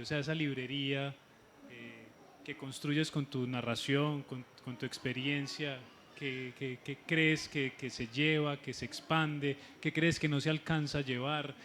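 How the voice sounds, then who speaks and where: A man interviewing a writer, asking long, measured questions with hesitant restarts. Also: medium pitch, fairly bright tone, a little hiss or hum.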